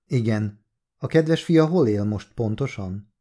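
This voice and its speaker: A man reading the lines of a courteous male police detective who asks gentle, persistent questions, in an audiobook. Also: fairly low pitch, expressive, close to an everyday voice.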